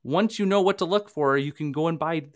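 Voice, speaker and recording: A man's voice: fairly high pitch, fairly quick, no room sound, clean studio sound. A man from Canada co-hosting a live sales workshop and podcast, talking conversationally with everyday examples and the odd stammer. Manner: conversational, uses homely examples, slight stammers. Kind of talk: casual live webinar talk.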